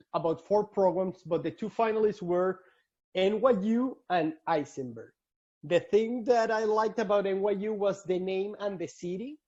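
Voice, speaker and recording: Venezuelan man, thirties, earnest alumni talk over a video call, high voice, dull lo-fi sound. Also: dark tone. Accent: Venezuelan Spanish. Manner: earnest, frequent restarts. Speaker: alumni speaker. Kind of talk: casual slide presentation.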